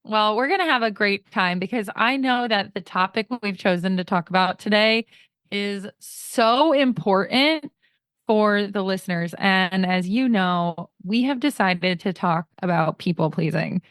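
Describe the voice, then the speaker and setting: A woman's voice: mid-range voice, measured pace, a bit bright, smooth, no echo, clean studio sound. A woman hosting a podcast, upbeat and encouraging as she introduces a guest and asks questions. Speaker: podcast host. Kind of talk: podcast interview.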